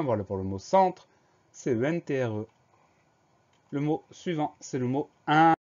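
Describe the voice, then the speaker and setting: A man giving a spelling lesson, slowly spelling out words letter by letter. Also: medium pitch, darkish tone, highs cut off. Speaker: teacher.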